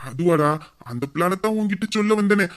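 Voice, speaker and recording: A man's voice: high voice, expressive, brisk, a bit bright. A man voicing a sly young male friend who pleads and wheedles nonstop in a casual audio story. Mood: wheedling.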